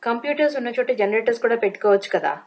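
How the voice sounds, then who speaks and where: A woman's voice: fairly high pitch, animated, racing, a little mellow, voice pushed up. A woman voicing a nervous, compliant male guard who answers questions plainly in an audiobook.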